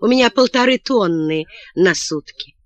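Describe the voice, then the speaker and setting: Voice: medium pitch, animated, moderate pace, no echo, highs cut off, natural voice. A narrator voicing a grudging female petrol station attendant in a reluctant, matter-of-fact way, read as an audiobook. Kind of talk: audiobook reading.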